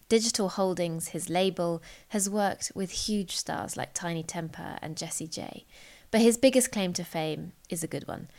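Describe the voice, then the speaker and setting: A woman's voice: on the low side, vocal fry, darkish tone. A woman, hosting a podcast with scripted narration and interview questions. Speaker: podcast host.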